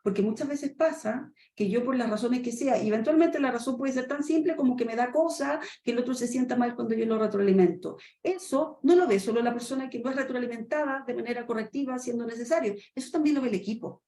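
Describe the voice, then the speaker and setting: A woman's voice: on the high side, quick pace, hardly any pauses, dark tone. A woman training consultant giving a webinar lecture, often checking in with her listeners and acting out workplace dialogues. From Chile. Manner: acts out boss-employee dialogues; addresses audience directly with check-ins. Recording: echoey room.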